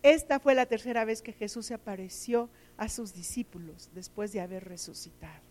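A woman's voice: mid-range voice, normal speed, a little mellow. A middle-aged woman giving an emotional sermon, telling personal stories and often repeating her words. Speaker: teacher and lay preacher.

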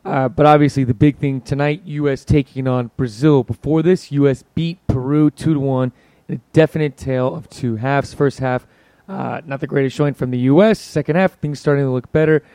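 A man hosting a sports podcast in casual, joking banter, his voice hoarse and worn out from yelling. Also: medium pitch, fairly even intonation, brisk, no echo.

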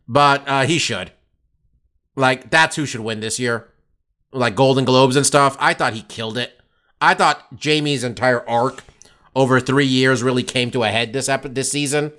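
A man's voice: fairly high pitch, pushed and bright. A man co-hosting a podcast in casual chat, rambling with lots of fillers and cheerful swearing. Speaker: podcast co-host.

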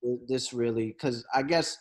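An earnest man in a casual conversation with a voice of ordinary pitch. He restarts and repeats words as he looks for a thought, then speeds up into quick bursts.

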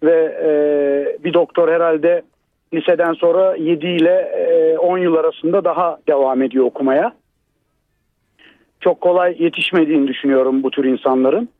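A man calling in to a radio show over a landline phone, giving his opinion in a measured way with hesitant pauses. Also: a little high, steady tone, dry recording. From Turkey. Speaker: radio call-in listener. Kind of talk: casual call-in comment. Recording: tinny dry phone line.

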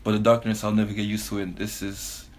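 Relaxed low-voiced man laughing easily. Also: fast talker. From Belgium and Canada. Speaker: professional basketball player, guest. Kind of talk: casual interview.

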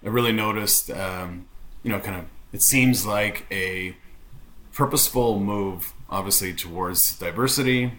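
Deep voiced guy doing a podcast interview, kinda tentative, takes his time getting to the question. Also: unhurried, fairly bright tone, a little hiss or hum.

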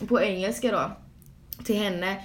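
A young woman, co-hosting a podcast and telling a story in casual chat, acting out the quotes as she goes. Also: mid-range voice. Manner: animated storytelling with acted-out quotes. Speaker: podcast co-host.

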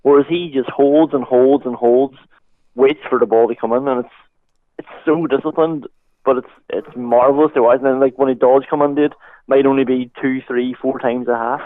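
A man's voice: mid-range voice, fairly even intonation, moderate pace. A man with an Irish accent gives casual, conversational sports analysis as a pundit. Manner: conversational, peppered with "like" and "you know". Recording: tinny, phone-like narrow band.

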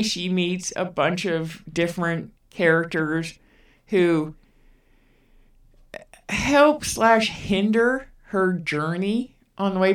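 Slow-talking woman, echoey room. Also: mid-range voice, recorded from a distance. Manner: unhurried, rambling with fillers. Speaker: podcast co-host. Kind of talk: casual film retelling. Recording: roomy, away from the mic.

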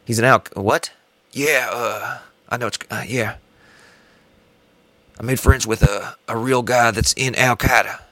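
A man joking through casual comedic banter, rambling deadpan through absurd bits. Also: mid-range voice, measured pace, pauses often, no echo.

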